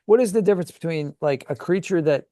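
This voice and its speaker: A native English speaker co-hosting a tabletop gaming show, he chats casually and enthusiastically while thinking out loud. His voice is on the high side, fast and dark in tone, with no room sound.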